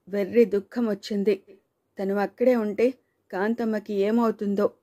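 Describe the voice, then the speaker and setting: A woman narrating a novel as an audiobook in a steady, even storytelling manner. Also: medium pitch.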